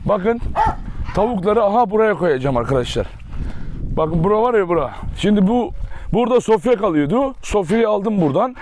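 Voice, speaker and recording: Young guy rattling through a dog farm tour vlog outside, kinda high voice, baby-talks the dogs. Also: animated, darkish tone, slight background noise. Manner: fast, affectionate baby talk to his dogs. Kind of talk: casual vlog walkthrough.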